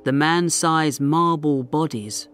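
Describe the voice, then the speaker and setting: A man narrating a story slowly and clearly for English learners. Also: fairly high pitch, fairly even intonation, a bit bright, faint music behind. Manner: slow, deliberate, clearly articulated.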